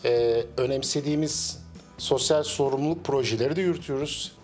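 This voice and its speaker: Middle-aged male cafe owner, steady mid-pitched voice, measured and hesitant, faint music bed behind. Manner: measured, with frequent hesitation fillers. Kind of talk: business interview. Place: small cafe indoors. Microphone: handheld interviewer mic.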